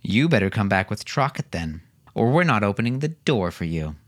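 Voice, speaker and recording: A man's voice: fairly low pitch, big pitch swings, normal speed. A man reading an audiobook, voicing a teasing, sarcastic young mother with a raised, lighter voice. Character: teasing, sharp-tongued young mother and wife.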